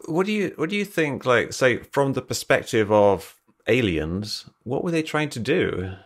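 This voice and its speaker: A man's voice: medium pitch, sing-song, unhurried. A man hosting a casual interview, asking questions hesitantly and repeating words as he thinks. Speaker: podcast host.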